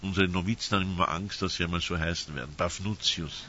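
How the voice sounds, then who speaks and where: A man's voice: low voice, fairly even intonation, racing, noisy background. An older man, preaching a conversational sermon and often adding tag questions. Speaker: priest. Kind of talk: spoken sermon with anecdotes. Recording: dull, muffled sound.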